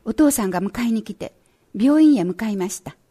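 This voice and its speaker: A woman radio announcer reading a prize-winning children's essay aloud in a slow, measured, gentle way. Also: fairly high pitch, expressive.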